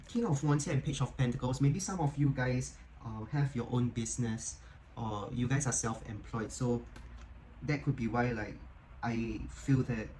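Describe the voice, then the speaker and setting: Guy doing a chill tarot reading, lots of "like" and "okay?", kind and encouraging, middle-pitched voice. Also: slight background noise, poor audio. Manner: chatty, frequent "like" and "okay?" tag questions; gentle, encouraging tone. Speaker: tarot reader. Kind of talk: casual tarot reading to camera.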